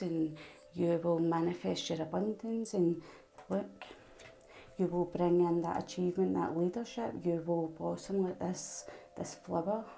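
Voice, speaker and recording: A woman's voice: on the low side, gravelly, dark tone, rough recording. A Scottish woman with a Glasgow accent, giving a casual, rambling tarot reading straight to the viewer. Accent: Glaswegian Scottish. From Glasgow, Scotland. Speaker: tarot reader.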